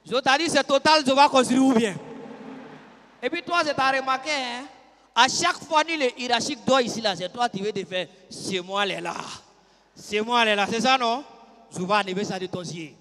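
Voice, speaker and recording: A man voicing a pompous new camp commander who makes loud, self-important proclamations. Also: very high voice, fairly quick, in a large hall, heavily acted. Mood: indignant.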